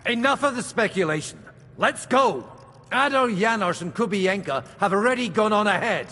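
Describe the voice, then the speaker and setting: An actor playing a brisk, hardy comrade who takes charge, in a video game scene, with a forceful voice. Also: male voice, high voice, lively intonation, exaggerated voice. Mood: brisk, relieved. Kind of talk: dramatic video game dialogue. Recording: long echoing reverb.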